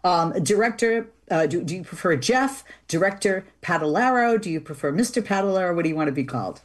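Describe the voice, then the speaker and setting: A woman's voice: fairly low pitch, lively intonation, brisk. A woman with a Boston accent hosting a talk show in a chatty, informal, conversational interviewing style. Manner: chatty, informal, directly addresses listeners. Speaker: radio talk show host.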